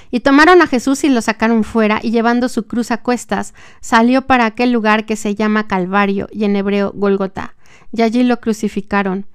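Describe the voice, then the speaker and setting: A woman reading scripture aloud in a measured, earnest way, adding emphatic comments of her own. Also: fairly high pitch, smooth, dry recording, studio quality. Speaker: podcast host.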